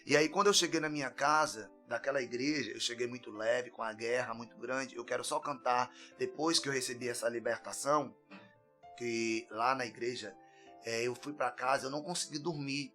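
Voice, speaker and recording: A man's voice: medium pitch, moderate pace, faint music behind. A man giving an earnest, emotional personal testimony as a podcast guest, his voice rising when he recounts crying out. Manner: earnest, tearful, grows loud when recounting.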